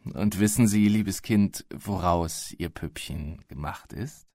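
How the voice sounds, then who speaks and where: A man voicing a portly middle-aged official who talks to a child in a hushed, wheedling voice and turns to furious shouting. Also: low voice, takes it slowly, dry recording, studio quality, exaggerated voice.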